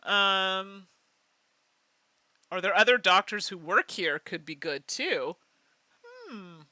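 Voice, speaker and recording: A woman streaming a mystery game live, chatting with her viewers and laughing often in an animated way. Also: mid-range voice, takes it slowly, no room sound. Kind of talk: live game playthrough chat.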